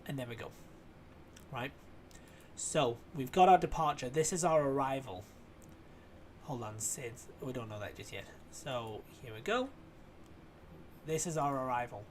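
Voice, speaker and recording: A man's voice: mid-range voice, lively intonation, unhurried, long pauses, slight background noise. A man streaming, explaining things in a chatty, casual way with the odd swear word.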